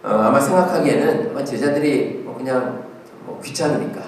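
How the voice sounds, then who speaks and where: A man's voice: mid-range voice, moderate pace, a little mellow, a little hiss or hum. A male pastor giving a conversational sermon with fillers and rhetorical questions. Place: church sanctuary. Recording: echoey church hall, mic at a distance.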